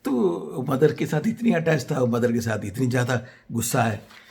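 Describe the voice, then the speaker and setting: A man teaching a homeopathy case. He retells the family's story in first person, then analyses it, mixing Hindi with English phrases and pausing on fillers. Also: medium pitch, sing-song, gravelly, darkish tone. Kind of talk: case lecture.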